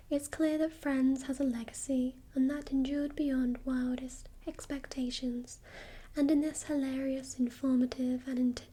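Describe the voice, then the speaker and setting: A woman playing a helpful librarian in a whispered role-play, speaking in a soft, breathy, gentle library whisper. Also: high-pitched. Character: helpful female librarian recommending books. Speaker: ASMR performer.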